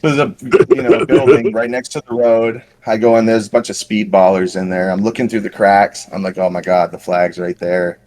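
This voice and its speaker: A man's voice: on the low side, steady tone, brisk, hardly any pauses, darkish tone. A man on a podcast casually telling a long paintball story, rambling and self-deprecating with lots of fillers. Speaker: podcast co-host.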